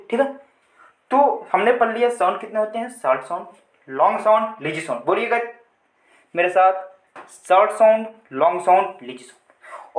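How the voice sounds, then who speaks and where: Calling his viewers friends, a man teaches English in Hindi, drilling them by repeating points and answering his own questions. His voice sits high and sounds reverberant.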